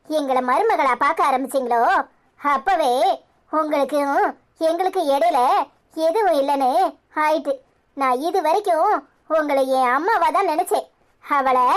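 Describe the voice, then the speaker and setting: A woman voicing a defiant young daughter-in-law in a cartoon serial, speaking firmly and reproachfully with a Tirunelveli Tamil accent. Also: sits high. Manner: firm and reproachful.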